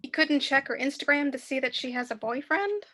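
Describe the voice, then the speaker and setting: A woman's voice: high voice, animated, a little fast, bright, forceful tone, a little hiss or hum. An actress reading a sympathetic, incredulous young woman in a live online script reading. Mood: concerned.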